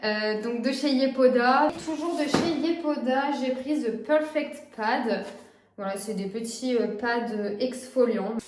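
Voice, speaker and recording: A woman's voice: on the high side, measured pace, darkish tone, echoey room, a little hiss or hum. A woman in her twenties chatting casually as a beauty vlogger, with frequent hesitations. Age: 20s. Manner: chatty, frequent "euh" fillers. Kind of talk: casual vlog chat.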